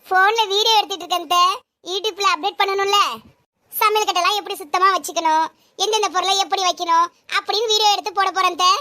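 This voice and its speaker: A woman's voice: extremely high pitch, fairly even intonation, fast talker, bright, forceful tone. A woman playing a young daughter-in-law who is filming a vlog and talks back to her mother-in-law in a comedy sketch. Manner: sugary to the camera, defensive. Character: young vlogging daughter-in-law, sweet then snippy. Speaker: vlogger.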